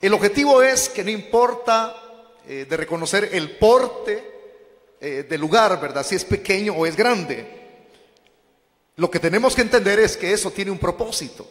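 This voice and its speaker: Male preacher, unhurried teaching sermon, long reverb. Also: high-pitched, fairly bright tone. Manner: addresses listeners as brothers, asks and answers questions.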